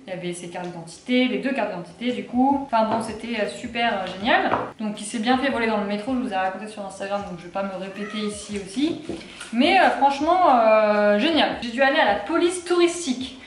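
A young woman vlogging casually, chatty and exasperated, with lots of fillers and sarcastic asides. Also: fairly high pitch. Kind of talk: casual vlog chat. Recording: echoey room with faint noise.

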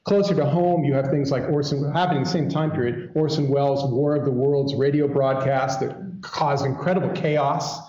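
A keynote speaker and academic lecturer addresses a conference audience in an indoor lecture hall, his voice medium-pitched and darkish with fairly even intonation. He talks at a moderate pace with few pauses, conversational and digressive, adding wry asides, and the echoey room makes the sound dull and muffled.

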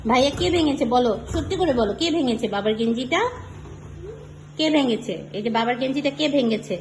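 A woman's voice: high voice, a little fast, noisy background. A young mother at home playfully questioning and teasing her small child, filmed on a phone. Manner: teasing, sing-song questioning, often laughing. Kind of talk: playful home video chat with a toddler.

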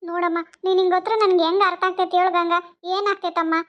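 Cartoon mother-in-law voiced by a woman, worried coaxing tone, very high pitch, dull lo-fi. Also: flat delivery, racing. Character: caring older mother-in-law, anxious and fussing. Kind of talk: cartoon voice acting. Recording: dull lo-fi recording.

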